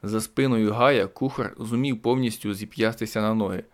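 A man's voice: lowish voice, steady tone, normal speed. A man narrating a first-person thriller audiobook with dramatic tension.

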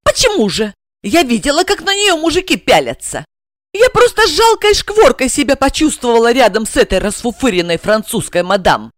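A woman voicing a jealous, tearful young woman who hurls shrill, sobbing accusations at her boyfriend in an audiobook drama. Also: sing-song, normal speed, no echo, clean studio sound.

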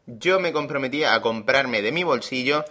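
A man with an accent from Spain co-hosting a gaming podcast, telling stories in an animated, blunt and frank way. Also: medium pitch, moderate pace. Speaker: podcast co-host. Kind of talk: casual podcast chat.

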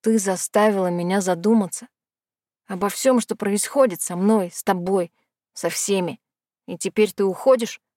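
A woman's voice: medium pitch, normal speed, darkish tone, dry recording, studio quality, natural voice. A woman reading the part of a stubborn young man with magical powers, insistent with his sister, in an audiobook. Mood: pleading. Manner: insistent, pleading then angry. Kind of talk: audiobook dialogue.

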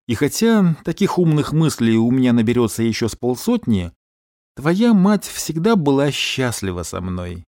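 A man voicing a calm middle-aged father who speaks in a dry, monotone way. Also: medium pitch, normal speed, no echo.

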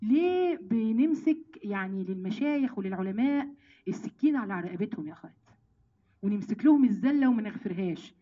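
A woman with an Egyptian accent giving a Quran commentary lesson, full of rhetorical questions to her listeners and slow, deliberate recitation of verses. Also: mid-range voice, muffled recording. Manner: lively, rhetorical questions, addresses listeners directly. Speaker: religious teacher.

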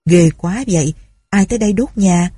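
A woman's voice: mid-range voice, moderate pace, warm tone, breathy edge, no room sound, studio quality, natural voice. A woman voicing a harried older male servant who grumbles and startles easily. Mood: grumbling.

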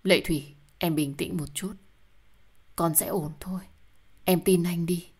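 A woman voicing a worried middle-aged husband and father who talks calmly and soothingly. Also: low-pitched, moderate pace. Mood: hushed.

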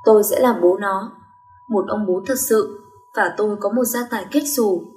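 A woman's voice: medium pitch, moderate pace, a little mellow, soft background music, natural voice. A woman voicing a cold, proud rich young man who is a company chairman, speaking curtly. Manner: curt and commanding. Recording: roomy echo.

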